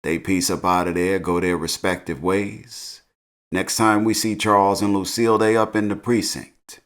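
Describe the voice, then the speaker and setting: A man's voice: deep voice, little pitch movement, moderate pace, fairly bright tone. A middle-aged man recapping a TV episode in a laid-back, slangy storytelling way, chuckling as he goes. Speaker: TV recap host. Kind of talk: casual show recap.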